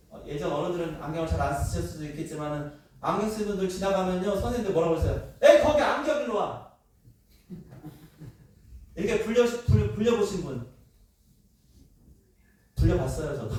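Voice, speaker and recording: A middle-aged man preaching a sermon as pastor, animated, asking the congregation questions and acting out voices. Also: fairly high pitch, recorded from a distance. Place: church sanctuary. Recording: echoey church hall, speaker away from the mic.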